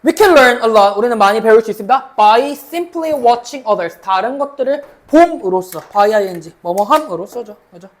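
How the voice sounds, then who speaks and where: A woman lecturing as a cram school English teacher, reading English sentences slowly, then explaining them in Korean and checking in with her students. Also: a little high, expressive. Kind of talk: mock exam explanation lecture.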